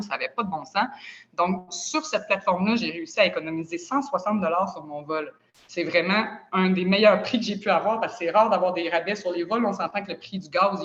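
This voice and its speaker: A woman's voice: on the low side, fairly bright tone, highs cut off. A woman with a Quebec French accent giving a chatty, persuasive sales presentation over a video call. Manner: chatty and persuasive, with casual asides. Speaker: presenter of a travel club.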